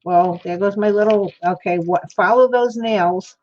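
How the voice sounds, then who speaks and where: A woman's voice: medium pitch, unhurried, a little mellow, dull audio, a little hiss or hum. A woman with slightly mushy, toothless articulation, chatting casually and thinking aloud as she hosts a craft livestream. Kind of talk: casual chat while demonstrating crafts. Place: indoor craft worktable.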